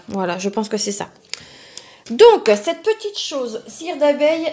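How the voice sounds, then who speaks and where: A woman's voice: on the high side, darkish tone. A woman hosting a crafting channel, chatting casually as she unboxes products, musing aloud to herself with lots of fillers.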